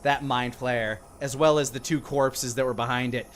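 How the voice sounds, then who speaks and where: A man's voice: medium pitch, very noisy. A man narrating as dungeon master in a live-streamed tabletop game, describing the scene with fillers and restarts.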